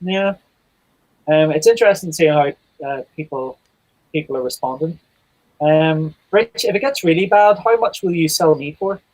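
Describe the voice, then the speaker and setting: A man co-hosts a relaxed video-call chat, his voice sitting a little high. He delivers dry, deadpan jokes in an easy, understated way. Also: normal speed, low-quality recording. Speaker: co-host.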